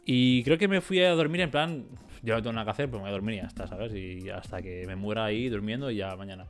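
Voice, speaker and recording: A man's voice: on the low side, quick pace, faint music behind. A man co-hosting a casual podcast chat, telling a story with lots of fillers and slang. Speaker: podcast co-host.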